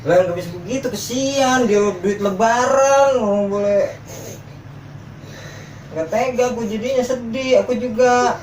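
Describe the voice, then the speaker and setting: Dad talking plainly, a bit scolding, recorded from across a roomy space. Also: male voice, very high voice, a little slow, a little mellow, a little hiss or hum. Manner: matter-of-fact, scolding. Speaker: father in a family prank. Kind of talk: casual family chat. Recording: echoey room, distant mic.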